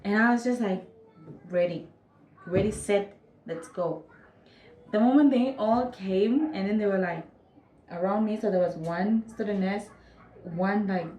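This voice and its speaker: A woman's voice: mid-range voice, echoey room, slight background noise, low-quality recording. A young woman with a Namibian accent, telling a personal story casually to her viewers and acting out moments. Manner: animated, acts out moments with quoted voices and sound effects. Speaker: vlogger.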